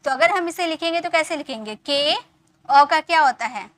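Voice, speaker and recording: A woman's voice: high-pitched, expressive, normal speed, heavy background noise. A woman teaching an English spelling lesson, explaining patiently, repeating herself and asking many rhetorical questions. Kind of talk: classroom lesson.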